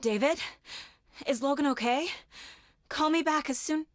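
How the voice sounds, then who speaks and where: This is a video game performance of a level-headed, dryly witty FBI agent, spoken in a restrained, measured manner like she's thinking out loud. The actress's voice sits high and sounds anxious, recorded without echo.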